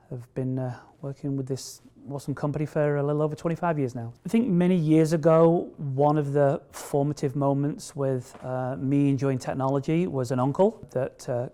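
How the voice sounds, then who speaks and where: A man, speaking enthusiastically but haltingly with fillers in an award testimonial. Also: mid-range voice, dark tone. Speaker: tech employee.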